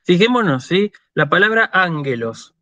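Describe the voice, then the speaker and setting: A man's voice: high-pitched, sing-song, normal speed, bright, forceful tone, no echo. A man with an Argentine Spanish accent giving an online university lecture, patiently checking in with his students as he explains. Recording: dull lo-fi dry sound.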